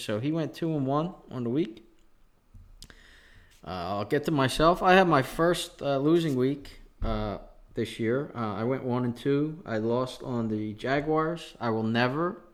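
A man hosting a casual sports betting show, animated and sarcastic as he talks through the week. His voice sits at an ordinary middle pitch. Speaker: podcast host.

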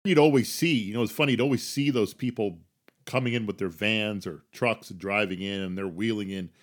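A middle-aged man with a New Jersey accent hosting a casual solo podcast, chatty and self-deprecating, swinging between loud emphasis and quiet asides. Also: lowish voice, brisk. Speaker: podcast host.

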